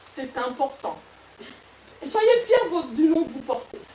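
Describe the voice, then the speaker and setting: A woman coach giving a lively motivational workshop talk to an audience, with frequent restarts. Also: sits high, unhurried, slight background noise. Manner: lively, animated, with many restarts. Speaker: personal development coach. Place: event room with an audience. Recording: echoey room, far from mic.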